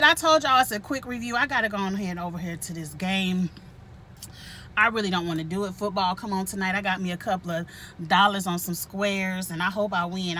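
A woman's voice: mid-range voice, bright, forceful tone, a little hiss or hum. A woman hosting her own channel, giving a casual, blunt and profane commentary straight to her viewers, laughing often. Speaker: channel host reviewing a reality show.

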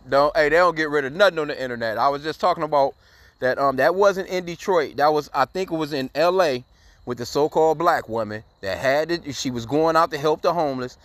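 A man's voice: mid-range voice, a bit bright, dry recording. A man giving heated, profane, rambling commentary, tagging his sentences with "man", in casual talk to his viewers. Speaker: commentary channel host.

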